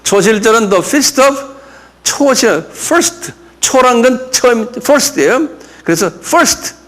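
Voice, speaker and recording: An older male pastor gives a classroom Bible lesson at a slow, unhurried pace. His voice sits high for a man and swings widely up and down. He often stops to quiz the listeners and have them say words back. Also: expressive, a bit bright. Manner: drills English terms, asks the class to repeat; explains slowly, with many fillers and questions to the class.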